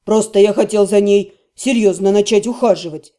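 A woman's voice: mid-range voice, moderate pace, voice pushed down, lightly acted. A woman voicing a raging blond male mage. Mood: defiant. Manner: shouting accusations, gruff. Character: furious blond male mage, hot-tempered.

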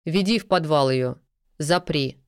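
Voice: medium pitch, a little slow, clean tone, no room sound, clean studio sound, lightly acted. A reader voicing a stern nobleman who questions and gives orders coldly. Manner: cold, commanding, interrogating. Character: stern commanding nobleman, a baron.

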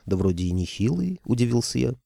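A man narrating a humorous fantasy audiobook in a wry, lively first-person telling. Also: medium pitch, fast, gravelly, dry recording, studio quality.

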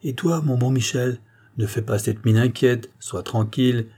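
A man voicing a cocky, brisk actor-turned-detective who gives orders jauntily. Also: medium pitch, dark tone, close to an everyday voice. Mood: jaunty.

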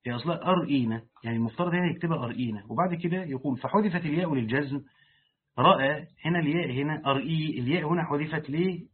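Man, rapid reading of commentary, husky voice, phone-like lo-fi audio. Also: a little high. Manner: reads the text aloud, then breaks off to explain it in colloquial speech. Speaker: sheikh teaching Quran exegesis. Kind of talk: reading and explaining a tafsir lesson. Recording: tinny phone-like lo-fi recording.

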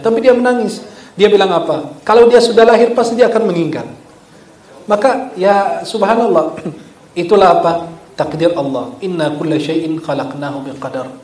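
A man's voice: high-pitched, a little mellow. A man giving a Ramadan sermon, chanting verses in between and rising and falling in emphatic bursts. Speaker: preacher. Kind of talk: Ramadan sermon with Quran recitation. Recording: echoey room, distant mic.

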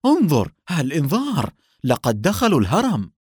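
A man voicing a fat male henchman who curses and yells in panic. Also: medium pitch, big pitch swings, moderate pace, slightly rough, no room sound, studio quality. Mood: panicked. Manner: frantic, cursing, yelling in fear.

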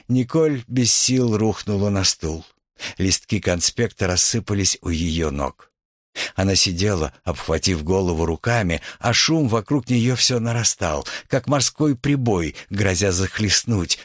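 Expressive male audiobook narrator, dry sound. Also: lowish voice, dry recording.

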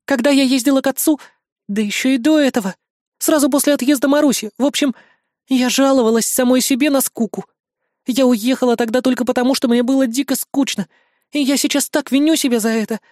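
A man's voice: very high voice, fairly even intonation, brisk, dry recording, clean studio sound, voice pushed up. A man doing a shy worried teenage girl. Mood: anxious. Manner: soft, guilty, hesitant.

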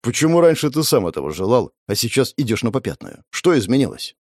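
A man voicing a tired father who sighs, argues softly and confesses he is dying. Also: mid-range voice, very animated, quick pace, dry recording, studio quality. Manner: tired, sighing, pleading. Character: weary dying father, middle-aged man.

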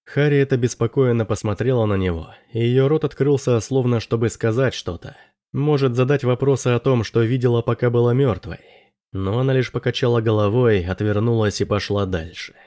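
A man narrating an audiobook in a steady, measured way. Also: mid-range voice, dry recording, clean studio sound. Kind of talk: scripted narration.

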